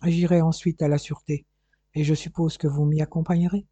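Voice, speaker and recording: A man voicing a gruff, irritable police inspector who grumbles and sneers, in a dry close recording. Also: a little high, little pitch movement, brisk, dark tone, dry recording, muffled recording. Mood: pointed. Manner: grumbling, sardonic.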